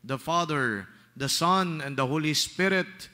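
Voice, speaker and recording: Priest, male, measured and bright-toned, blessing the people in a big echoing church. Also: fairly high pitch. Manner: slow, measured, solemn intoning. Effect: cathedral echo. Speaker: priest presiding at Mass. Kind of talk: liturgical prayer and blessing. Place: large church. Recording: long church reverb on a PA mic.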